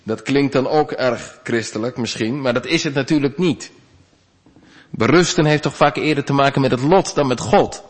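A man preaching a sermon, earnest, rising to loud pleas and dropping to quiet asides. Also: mid-range voice, normal speed. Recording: long church reverb.

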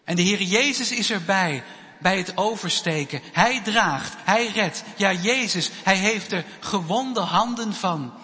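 A man giving a children's sermon and telling a story slowly, with pauses. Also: high-pitched, expressive, sharp tone. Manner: slow, storytelling delivery with pauses. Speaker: preacher. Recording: long hall reverb.

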